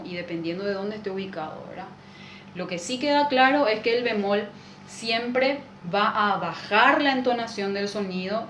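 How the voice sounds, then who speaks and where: A woman, a music teacher patiently explaining a lesson and checking in with rhetorical questions. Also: mid-range voice. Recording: echoey room with faint noise.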